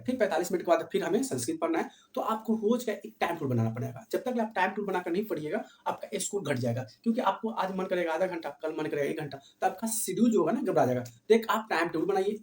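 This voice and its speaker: A man's voice: high-pitched, a little mellow, distant mic. A male teacher giving an exam revision lesson, repeating key points as questions to his students. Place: room with camera set back from the speaker. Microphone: distant camera mic. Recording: echoey room, voice from afar.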